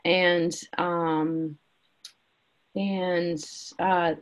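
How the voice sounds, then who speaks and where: A middle-aged woman taking part in a mediation as a mother, speaking in a measured, hesitant way with many fillers. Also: lowish voice. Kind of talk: mediation dialogue.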